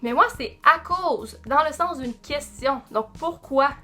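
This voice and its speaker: Woman from Lac-Saint-Jean, Lac-Saint-Jean Quebec French accent, high and bright, faint music behind. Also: a little slow. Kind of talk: casual vlog talk to camera.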